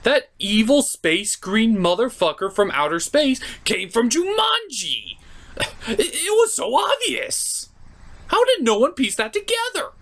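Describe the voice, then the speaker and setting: A host reviewer delivers a scripted, comedic movie recap, sounding sarcastic and mock-exasperated. The voice sits at a medium pitch with a fairly bright tone.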